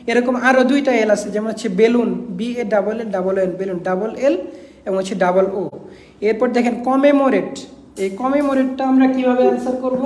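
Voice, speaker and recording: A woman's voice: a little high, darkish tone, reverberant. A woman teaching an English exam-prep class, spelling words out letter by letter and repeating the key points.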